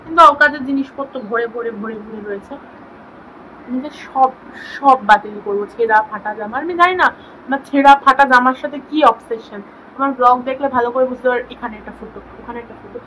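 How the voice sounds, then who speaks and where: Young woman vlogger, high voice, casual home chat, faint room hum. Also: fast, pushed and bright, poor audio. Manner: chatty, switches to high baby talk with her pets. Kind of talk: casual daily vlog chat. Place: home bedroom.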